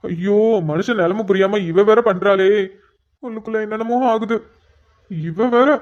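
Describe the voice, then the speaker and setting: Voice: medium pitch, measured pace, close to an everyday voice. Brief: performer doing a flustered cartoon husband, exasperated and pleading, dull lo-fi audio. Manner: exasperated, pleading, sighing asides. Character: flustered young married man, patient and exasperated.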